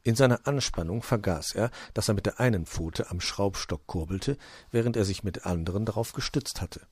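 A man narrating a children's story in a lively reading manner. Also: on the low side, a little fast, husky, no room sound. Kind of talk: scripted narration.

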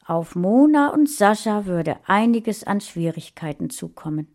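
A woman reading a fantasy story aloud in an even storytelling manner. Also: mid-range voice, measured pace. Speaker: audiobook reader.

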